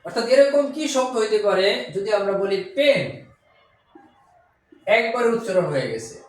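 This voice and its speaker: A man teaching an English grammar lesson, explaining step by step and sounding out syllables slowly. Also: high voice, sing-song. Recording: very echoey room.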